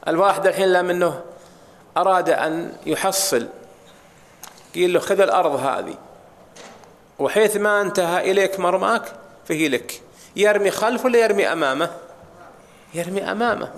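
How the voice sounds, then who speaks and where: A man gives a religious lecture, explaining texts and turning to his listeners with rhetorical questions. His voice sits a little high and has a gravelly edge. It rings out with the long reverb of a large hall. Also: brisk, pauses often. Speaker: Islamic scholar teaching.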